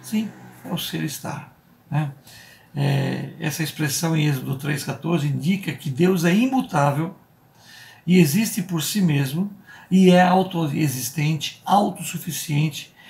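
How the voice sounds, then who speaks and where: Brazilian pastor guy doing bible class at church, slow and gravelly, keeps asking né? tá?. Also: a little high, a little mellow. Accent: Brazilian Portuguese. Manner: explanatory, with frequent "né?" and "tá?" checks; slow, deliberate, spells out letters. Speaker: pastor teaching Bible school. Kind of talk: Bible study lesson.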